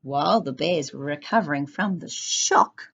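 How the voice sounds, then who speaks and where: A woman reading a children's story aloud, sing-song, pausing to ask young listeners questions. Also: low voice, gravelly, fairly bright tone, breathy edge, muffled recording.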